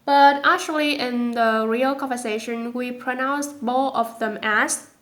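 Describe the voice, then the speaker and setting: Woman teacher, Vietnamese accent, slightly high voice, careful drilled sounds. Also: fairly even intonation, reverberant. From southern Vietnam. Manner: slow and careful, repeating sounds aloud. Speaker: language teacher. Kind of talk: pronunciation lesson.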